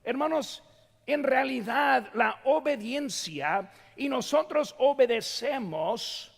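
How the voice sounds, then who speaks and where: A man's voice: extremely high pitch, animated, slow pace, creaky, long reverb tail. A middle-aged man preaching a sermon as pastor, emphatic and often speaking straight to the congregation. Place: church sanctuary.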